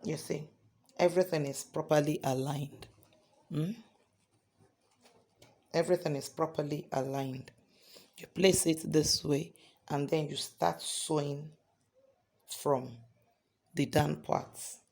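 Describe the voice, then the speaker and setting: Man, hoarse voice, slow-paced, sewing lesson, repeats key steps. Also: on the high side, steady tone, darkish tone. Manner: repeats points, ends lines with "okay?". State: hoarse from singing. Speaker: sewing instructor. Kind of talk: step-by-step sewing tutorial.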